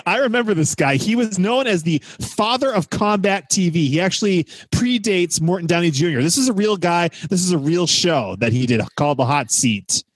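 Male podcast host, fairly high voice, dry sound, casual animated storytelling with stressed key words. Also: moderate pace, breathy edge, no room sound. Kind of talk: casual film review chat.

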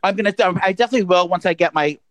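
Woman podcast host rambling fast, lots of "like", kinda breathless, dry mic. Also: lowish voice, no room sound, rough recording. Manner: rambling, filler-heavy storytelling. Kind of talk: casual chat. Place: her apartment.

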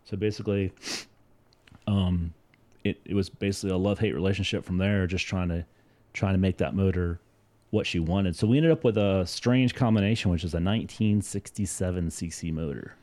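A man with a very deep, mellow voice, a guest in a relaxed interview. He talks through engine parts patiently and technically, step by step. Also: brisk. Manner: technical, explains step by step, mimics customers. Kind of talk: casual interview chat.

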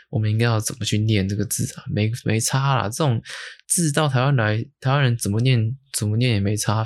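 A man's voice: lowish voice, a little mellow, no echo. A man hosts a podcast, chatting loosely and airing his opinions with lots of tag questions. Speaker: podcast host. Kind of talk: casual opinion chat.

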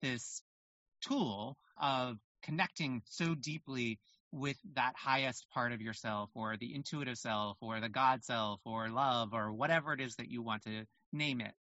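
A man's voice: mid-range voice, measured pace, sharp tone, no room sound, muffled recording. A man hosting a podcast interview, reflecting back on what his guest said and asking questions in an affirming, encouraging way. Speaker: podcast host.

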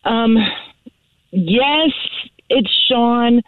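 A woman talking on the phone, chatty and quick to laugh, turning flustered and apologetic. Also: fairly high pitch, no room sound. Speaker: caller on a radio prank. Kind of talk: phone conversation. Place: at work. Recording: tinny phone line.

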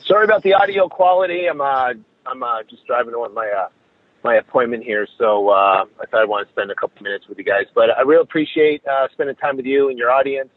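A man speaking as a podcast guest over a low quality call from his car, eager and rambling with restarts. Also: fast talker, dry recording. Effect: low quality call audio over a phone line. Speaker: podcast guest, event organizer. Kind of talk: promotional chat. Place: in a car while driving. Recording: tinny phone line from a car.

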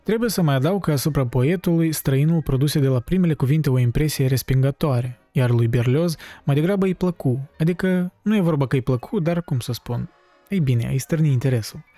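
Male narrator reading a novel aloud, dark-toned. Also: a little high, dry recording, faint music behind.

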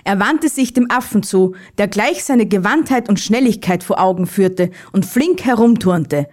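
A woman narrating a Christmas children's story in a calm, even reading voice. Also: mid-range voice, normal speed.

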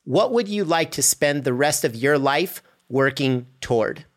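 A man's voice: on the high side, lively intonation, unhurried. Upbeat male podcast host. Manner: upbeat, encouraging, promotional. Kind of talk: podcast interview and outro.

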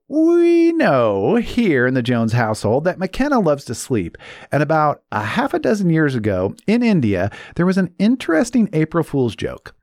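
A man with a wildly animated voice that swoops up and down as he talks, playful and joking. He speaks as a financial planner in a casual chat. The sound is dry and close, with no room around it. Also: fairly high pitch, no echo. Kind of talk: casual talk about money hoaxes.

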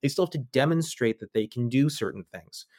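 A man's voice: medium pitch, expressive, fairly quick, a little mellow, dry recording, clean studio sound. A man as a guest analyst in a conversational podcast interview, thinking aloud with wry asides. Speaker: guest analyst on militia groups.

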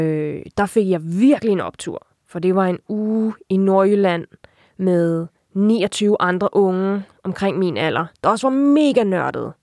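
A woman's voice: on the low side, darkish tone, no echo, clean studio sound. A young adult woman giving a candid, reflective personal account in an interview, with frequent filler tags.

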